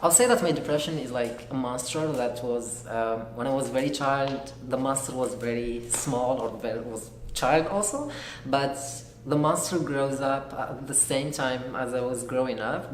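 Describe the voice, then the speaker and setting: A young man from Algeria, giving an earnest, halting personal testimony as a graduate student. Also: medium pitch. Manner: earnest, halting, searching for words. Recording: echoey room with faint noise.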